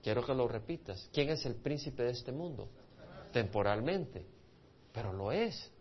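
Heard on a dull lo-fi recording, a Salvadoran pastor conversationally teaches a Bible study in a Salvadoran Spanish accent, questioning his listeners and restarting words. His mid-range voice is animated yet unhurried.

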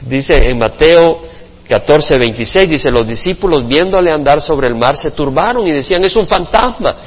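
A male pastor preaching a Bible study sermon to a congregation, expressive, with playful sound effects and acted quotes. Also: on the high side, normal speed. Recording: muffled reverberant church recording.

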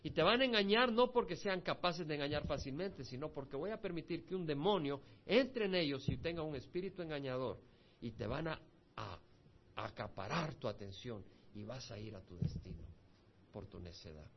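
A man's voice: fairly high pitch, animated, normal speed. A pastor preaching an expository Bible sermon, reading scripture aloud and then explaining it with asides to his listeners. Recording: muffled lo-fi recording.

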